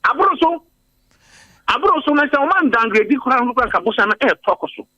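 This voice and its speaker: A man's voice: very high-pitched, sing-song, fast, sharp tone, no room sound, dull audio. A Ghanaian man giving emphatic commentary in a radio interview, repeating phrases for force. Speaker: interviewed policy analyst. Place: radio studio.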